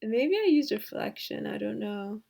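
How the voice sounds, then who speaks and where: A woman walks through a software tutorial in a relaxed, thinking-aloud way, full of hesitant fillers. Her voice sits at a middle pitch with a noticeable vocal fry, and it drops to soft mutters as she works. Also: moderate pace. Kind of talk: screen-recorded tutorial.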